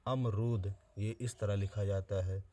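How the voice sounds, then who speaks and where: A man teaching an exam-prep spelling lesson, speaking straight to his students and slowly repeating each word to spell it out. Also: lowish voice, fairly even intonation, mellow. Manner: plain direct address to students.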